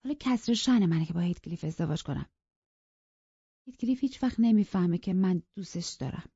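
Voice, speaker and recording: A woman's voice: lowish voice, expressive, warm tone, husky, no echo, pitched above the performer's own voice. A woman voicing a passionate, headstrong young woman in love, talking in an impassioned, pleading and defiant way. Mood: wistful. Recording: dry, dull lo-fi recording.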